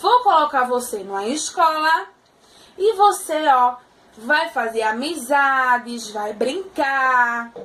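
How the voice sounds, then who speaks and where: A woman's voice: high-pitched, expressive, takes it slowly, fairly bright tone, exaggerated voice. Woman doing a caring old woodcarver father. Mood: reassuring.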